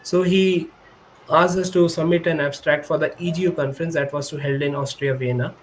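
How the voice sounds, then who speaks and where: A PhD student from India in his twenties, whose first language is Hindi, speaks a little fast with a fairly high pitch and steady tone as a guest in a remote podcast interview over video call. Seated indoors in a room with a high-backed chair, he explains things earnestly, often correcting himself mid-sentence. The audio is poor, with slight background noise.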